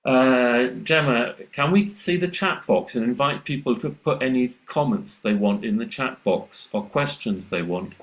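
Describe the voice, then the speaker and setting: An Englishman presenting a webinar as a teacher trainer, explaining and demonstrating speech sounds aloud in an animated way over a video call. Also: medium pitch, measured pace, few pauses, low-quality recording.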